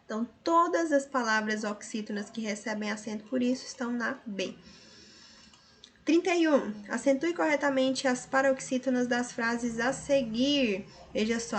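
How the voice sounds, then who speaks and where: A woman's voice: a little high, a bit bright. A woman teacher with a Brazilian Portuguese accent, patiently going over answers step by step in a recorded lesson. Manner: patient, explaining step by step with frequent tag questions.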